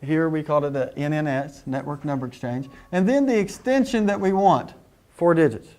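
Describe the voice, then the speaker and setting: A man's voice: a little high, normal speed, a little mellow. A middle-aged man teaching a technical class in a conversational way, telling anecdotes and asking rhetorical questions. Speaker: instructor. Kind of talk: technical lecture.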